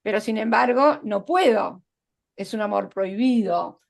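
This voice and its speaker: A woman's voice: mid-range voice, expressive, a little slow, vocal fry. A woman teaching literature in an online class, explaining literary devices step by step with examples and checking in with her students.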